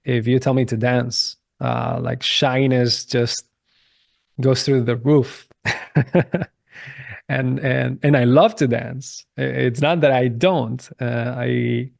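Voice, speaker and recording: Flat, gravelly man with a dry sound. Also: mid-range voice, no echo. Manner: candid, halting, repeats words when starting a thought. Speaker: podcast guest, movement coach. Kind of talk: casual conversational interview.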